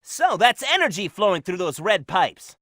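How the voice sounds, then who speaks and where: A man's voice: high-pitched, very animated, moderate pace, sharp tone, no echo, clean studio sound, full character voice. A man voicing a cocky, daring young hedgehog hero in a video game, with a breezy, confident manner. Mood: breezy, curious.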